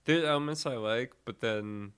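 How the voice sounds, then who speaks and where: This young man co-hosts a podcast in casual conversation, rambling along with plenty of fillers and swearing. He speaks at normal speed in a mid-range voice that is clean and a bit bright.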